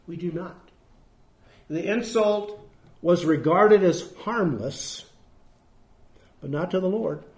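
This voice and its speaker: A man's voice: sits high, takes it slowly, pauses often, a little mellow. A man preaching a sermon as pastor, emphatic and putting rhetorical questions to his congregation. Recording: echoey room.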